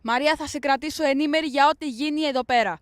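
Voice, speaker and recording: A woman's voice: sits high, natural voice. A woman playing a solemn field reporter giving a live news update in a mock-serious way. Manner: mock-serious newsreader delivery.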